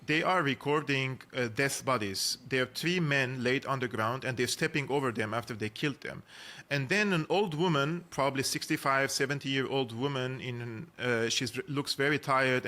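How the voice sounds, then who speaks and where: A man's voice: medium pitch, pushed and bright. An earnest man with a Syrian Armenian accent, a journalist and analyst speaking as a guest in a podcast interview, with frequent fillers and restarts.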